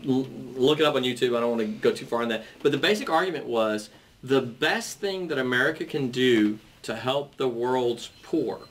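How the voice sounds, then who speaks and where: A man's voice: mid-range voice, lively intonation, normal speed, far from the mic. A man hosting a panel debate, talking at length and often repeating and restarting his words. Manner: long-winded, stumbles and repeats words. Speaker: host.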